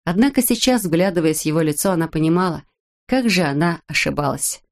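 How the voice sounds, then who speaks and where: A woman reads an audiobook in a measured, steady manner. Her voice sits somewhat low for a woman. The delivery stays even and unhurried. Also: gravelly. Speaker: narrator. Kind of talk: audiobook narration.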